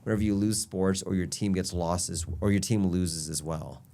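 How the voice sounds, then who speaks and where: Listing health tips in a cheerful, explanatory way, this doctor chats casually as a guest despite a stuffy, nasal voice from allergies. He speaks deeply at a moderate pace, with a creaky, mellow sound.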